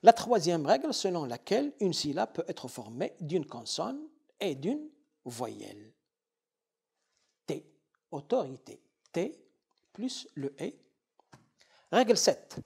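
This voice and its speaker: Slow, husky-voiced male professor lecturing. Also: a little high, huge pitch swings, darkish tone. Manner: deliberate, repeats and spells out syllables as examples. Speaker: university professor. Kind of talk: university lecture.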